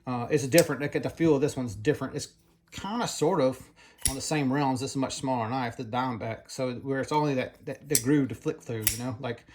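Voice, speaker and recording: A man's voice: mid-range voice, brisk, darkish tone, a little hiss or hum. A man with a Southern US accent, chatting casually about his collection in a loose, rambling way full of fillers and restarts. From Southern United States. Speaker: knife collector vlogger. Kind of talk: casual chat.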